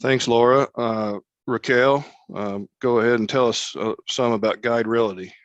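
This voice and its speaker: A man moderating a business panel, speaking in a measured way with frequent filler words. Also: mid-range voice, steady tone, no echo, highs cut off.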